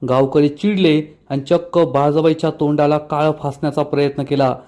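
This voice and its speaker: A man's voice: fairly even intonation, fairly quick, darkish tone. A man narrating a TV serial episode recap in a scripted storytelling manner. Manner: retells scenes, voicing characters' lines with raised pitch. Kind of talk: scripted narration with acted quotes.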